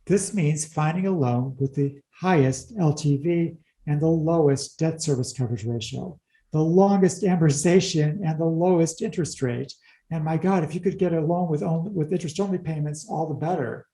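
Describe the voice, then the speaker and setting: A man explaining real estate figures in an interview, talking fast through the numbers with wry asides. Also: on the high side, mellow, reverberant, rough recording. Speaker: commercial real estate advisor.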